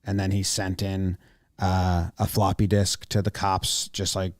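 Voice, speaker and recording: A man's voice: sits low, monotone, a little slow, no room sound, studio quality. A man, talking casually as a podcast co-host. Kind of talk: casual podcast banter and ad reads.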